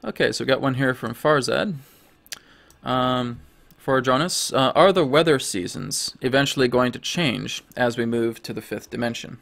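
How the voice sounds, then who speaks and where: A hoarse man hosting a livestream in a friendly, quick way, greeting viewers and reading their questions aloud. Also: mid-range voice, fairly bright tone. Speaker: livestream host. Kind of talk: casual livestream chat.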